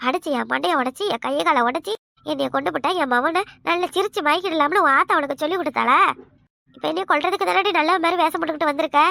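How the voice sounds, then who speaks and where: A shrill, gravelly village mother-in-law, voiced by a woman with a Kanyakumari Tamil accent, firing off scornful insults at speed. Her voice is sharp and very high, recorded close and dry, like a cartoon comedy dub. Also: fast, no echo, full character voice. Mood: scolding. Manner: scornful, scolding, harsh insults.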